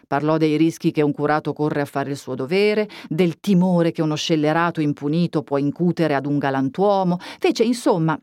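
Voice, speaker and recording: A woman narrating a literary audiobook in a measured, expressive storytelling voice. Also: lowish voice, no echo, studio quality. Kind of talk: literary reading.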